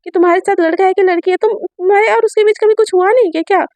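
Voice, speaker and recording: A woman's voice: extremely high pitch, steady tone, racing, no room sound, voice pushed up. A woman voicing a brash, angry young man who blusters and complains. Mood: annoyed.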